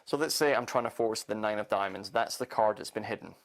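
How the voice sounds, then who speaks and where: A man's voice: on the low side, brisk. A man teaching a card-force technique to other magicians, explaining each step with confident emphasis. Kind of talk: instructional explanation.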